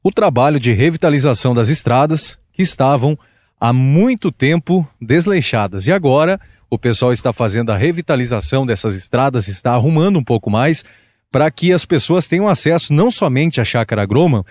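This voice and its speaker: A young man with a Brazilian Portuguese accent reports from a dirt road outdoors for local radio and web TV, using a handheld mic that is masked. His mid-range, expressive, darkish voice carries a brisk reporter's delivery broken by filler restarts in this field news report.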